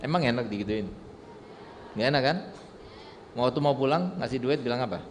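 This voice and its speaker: A man's voice: mid-range voice, lively intonation, brisk. A male Islamic preacher giving a humorous sermon with storytelling, full of rhetorical questions to his audience. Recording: reverberant hall with faint noise.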